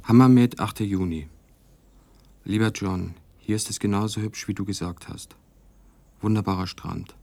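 An actor playing a lonely American writer who reads his own letter aloud in a quiet, restrained way, in a radio play. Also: on the low side, moderate pace, gravelly, long pauses, dry recording. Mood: wistful. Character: lonely middle-aged American writer man.

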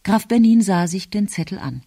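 A woman narrating a novel in calm, even storytelling. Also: medium pitch, moderate pace, husky, no echo, studio quality. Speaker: audiobook narrator. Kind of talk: scripted narration.

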